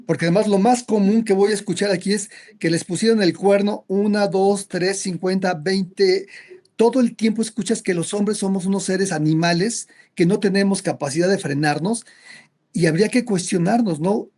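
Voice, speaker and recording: A man's voice: sits high, normal speed, a little mellow. A man, a psychologist explaining ideas conversationally, with frequent restarts. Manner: storytelling, acts out quoted characters. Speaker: psychologist guest.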